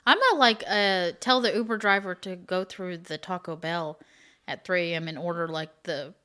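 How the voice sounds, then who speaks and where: A woman's voice: fairly low pitch, normal speed, sharp tone, smooth. A woman from Oklahoma co-hosting a true-crime podcast, talking in a chatty way with rambling asides. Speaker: podcast co-host. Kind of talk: casual true-crime chat.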